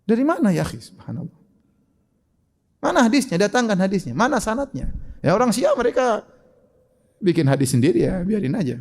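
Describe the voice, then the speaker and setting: A man's voice: sits high, big pitch swings, a little fast, creaky, long pauses, long reverb tail. A man giving an emphatic religious question-and-answer lecture, full of rhetorical questions. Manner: emphatic, rhetorical questions, shifting loud and soft. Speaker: Islamic preacher.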